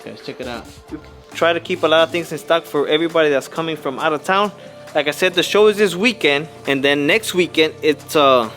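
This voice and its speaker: Breathless Texan shop owner vlogging. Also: male voice, a little high, a bit bright. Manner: laid-back, mixes Spanish into English, repeats "guys". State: a little out of breath. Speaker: channel host. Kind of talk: casual vlog talk. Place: his auto parts shop.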